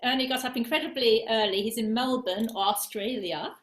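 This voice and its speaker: A woman's voice: on the high side, normal speed, a bit bright, roomy sound, poor audio. A woman hosting an online music broadcast on a video call, bubbly and enthusiastic as she introduces the next player. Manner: bubbly, enthusiastic, laughs easily. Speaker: host.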